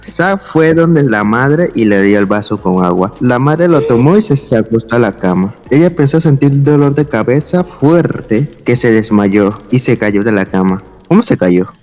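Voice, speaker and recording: A man's voice: medium pitch, animated, normal speed, few pauses, darkish tone, big-room sound, faint music behind. Man joking through a horror story. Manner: mocking, laughs at and comments on his own old writing. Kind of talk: casual reading of a horror story with joking asides.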